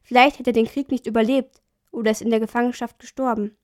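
A gentle, firm young mother, read by a woman narrator speaks quietly to her son. Her voice sits slightly high and stays soft and measured. This is a storybook voice close to the reader's own. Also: fairly even intonation, close to an everyday voice.

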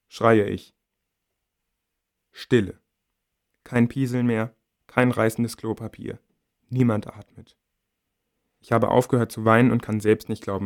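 A man reading a first-person novel aloud in a measured, quiet and intimate way. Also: fairly low pitch. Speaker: audiobook reader. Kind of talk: scripted first-person narration.

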